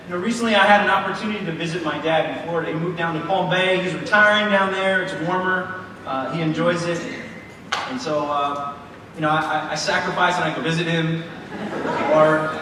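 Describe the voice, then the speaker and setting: A man's voice: high-pitched, sharp tone, a little hiss or hum. A man in his thirties giving a sermon in a church, telling a personal story with lots of fillers and restarts. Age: 30s. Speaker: preacher. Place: large church hall. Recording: echoey hall from far off.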